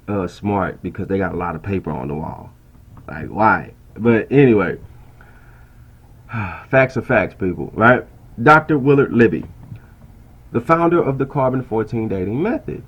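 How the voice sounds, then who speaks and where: A man's voice: lowish voice, dull audio, slight background noise. A man reading an article aloud at his laptop and commenting on it in a casual, conversational way, often tossing in "right?" and "bro.". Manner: conversational, keeps asking "right?" and calling listeners "bro". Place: indoors at a laptop.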